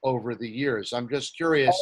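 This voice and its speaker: A man's voice: mid-range voice, normal speed, over a noisy crowd. A man interviewing a guest, asking long, rambling questions with restarts. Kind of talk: casual interview conversation.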